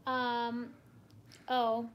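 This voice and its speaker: A woman's voice: a little high, completely flat delivery, very slow, slight background noise. Chatty young woman hosting a livestream. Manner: chatty, laughs often, greets viewers by name. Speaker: vlog host. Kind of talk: casual livestream chat. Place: home room.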